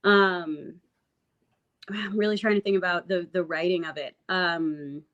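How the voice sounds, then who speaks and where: In a laid-back interview, a musician guest, a singer-songwriter with a raspy, lower-pitched voice, muses and meanders, restarting often and leaning on fillers. She speaks at a measured pace in a steady, slightly bright tone. The recording sounds dull and lo-fi.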